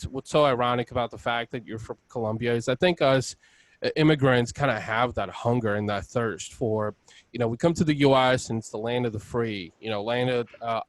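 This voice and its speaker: A man's voice: medium pitch, no echo. A man from Bulgaria hosting a podcast, chatting casually and rambling with many "you know"s. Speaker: podcast host. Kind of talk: casual interview chat.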